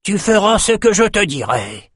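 A man's voice: high-pitched, sing-song, normal speed, fairly bright tone, breathy edge, dry recording, studio quality, voice pushed up, exaggerated voice. A man voicing a boastful male dive master who barks orders at his divers. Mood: commanding. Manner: commanding, bellowing orders.

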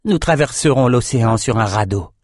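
A man voicing a proud, untamable young warrior woman in an audiobook, brisk and commanding. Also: medium pitch, lively intonation, darkish tone, no room sound, studio quality, lightly acted.

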